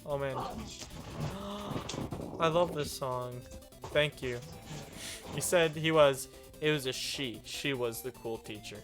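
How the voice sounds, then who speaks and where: A man's voice: a little high, slow pace, long pauses, over music. Young male streamer, joking and laughing. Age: teens. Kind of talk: casual chat while gaming.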